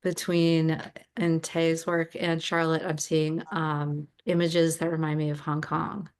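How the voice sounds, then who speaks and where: A woman chatting casually on a video call, talkative and quick with asides. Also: low voice, flat delivery, darkish tone. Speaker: art group participant.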